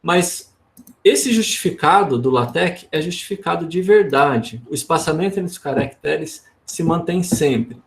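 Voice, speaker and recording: A man with a Brazilian Portuguese accent teaching an online workshop. His voice sits somewhat high and has a gravelly edge. He explains in a relaxed way and keeps checking in with his listeners. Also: unhurried. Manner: casual, explanatory, frequent tag questions. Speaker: instructor.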